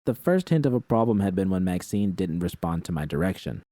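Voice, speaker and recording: A man reads a scripted first-person audiobook in a low, dark voice, his pitch swinging widely and his pace a little fast. The sound is close and dry, with no room around it.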